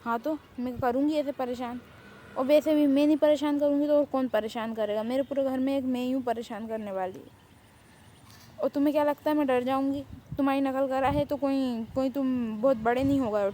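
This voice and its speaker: A woman's voice: sits high, mellow, a little hiss or hum, lightly acted. A woman voicing a cheeky, boastful young woman who loves to pester everyone. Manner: brash, teasing, boastful.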